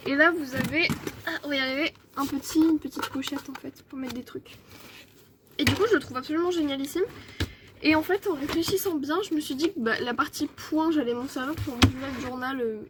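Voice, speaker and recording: A high-pitched young woman talks casually from her desk at home, vlogging about her books. She rambles, fills gaps with hesitations and keeps correcting herself. A faint noise sits under her voice. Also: brisk. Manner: chatty, rambling, many fillers and self-corrections. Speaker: book vlogger. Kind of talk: casual evening vlog.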